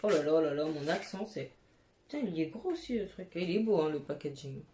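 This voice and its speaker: In an echoey room with faint background noise, a beauty vlogger chats casually about her haul at home, her cat close by. Her low, mellow voice is expressive and a little fast, full of gushing exclamations and casual swearing.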